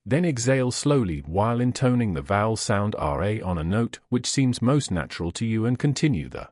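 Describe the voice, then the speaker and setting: A man reading esoteric lessons aloud in a measured, solemn way. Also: lowish voice, big pitch swings, a little mellow, no echo, clean studio sound. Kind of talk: scripted narration.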